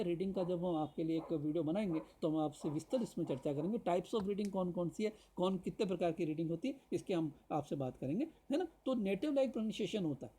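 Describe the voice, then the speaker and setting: Hindi-speaking male teacher, mellow husky voice. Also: sits high, low-quality recording. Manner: explains in Hindi, reads English points slowly; addresses viewers directly with tag questions. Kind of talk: teacher-training lecture.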